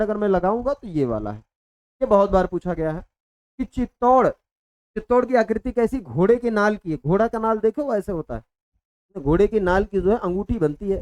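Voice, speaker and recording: A man's voice: high voice, darkish tone. A man teaching a live online exam-prep class in a casual, repetitive way, calling students "beta" and "bhai" and answering viewers' chat messages.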